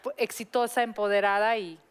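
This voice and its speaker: A woman's voice: medium pitch, steady tone, fairly quick, clear, resonant tone. A woman co-hosting a talk show, speaking earnestly in casual chat. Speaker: co-host.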